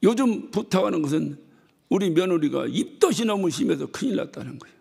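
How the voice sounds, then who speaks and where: A male pastor preaching a sermon, telling stories about his congregation with lively acted-out quotes and bursts of shouting. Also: high-pitched, a little fast, vocal fry, slightly rough. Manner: animated storytelling, mimics congregants and shouts. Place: church hall. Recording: reverberant church hall.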